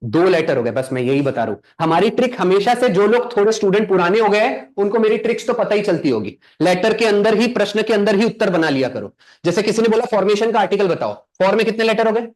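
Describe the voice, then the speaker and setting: A young man teaching an exam coaching lesson, asking the class questions and answering them himself, slowing down to spell out English terms. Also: sits high, animated, darkish tone. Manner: quizzing students with rhetorical questions, answering himself.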